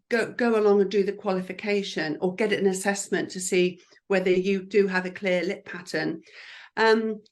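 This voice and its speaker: A woman talks about her work as a lip speaker. She is upbeat and encouraging, and she scatters "um" and "you know" through her speech. Her pitch sits at an ordinary middle level for a woman. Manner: chatty and encouraging, with frequent fillers. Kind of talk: careers advice interview.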